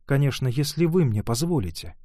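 A man voicing an earnest young woman in love, talking in an excited, pleading rush. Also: medium pitch, a little fast, no echo, studio quality, natural voice.

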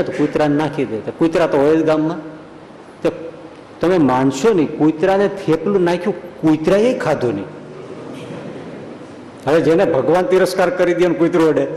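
Swami guy telling a story in a sermon, slightly high voice, roomy hall echo. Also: a little mellow, a little hiss or hum. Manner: folksy, acts out voices in the story. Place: temple school hall. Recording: echoey hall with long reverb.

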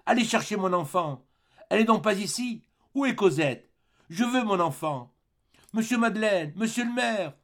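A man voicing a dying young mother in an audiobook, crying out in high, frantic pleas. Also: lively intonation, normal speed.

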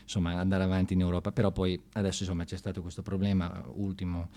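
A man delivers a satirical theatre monologue in a low-sitting voice, talking conversationally and haltingly. He heaps ironic mock praise and seems ready to get excited at any moment.

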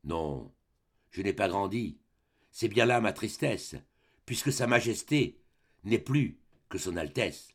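A man reading the part of a sad, sickly young exiled prince, lower and softer, brooding through verse in a dramatic reading of a play. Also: animated, a little slow, gravelly.

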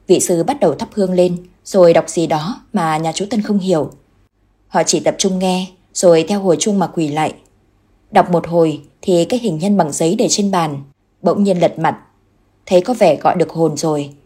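Dark husky woman narrating a ghost story. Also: lowish voice.

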